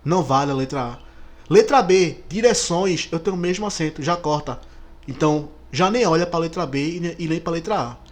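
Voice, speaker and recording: Lively Brazilian exam-prep teacher. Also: male voice, a little high, a little fast. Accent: Brazilian Portuguese. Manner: lively, stretches key words, checks in with the class. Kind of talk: explaining exam questions.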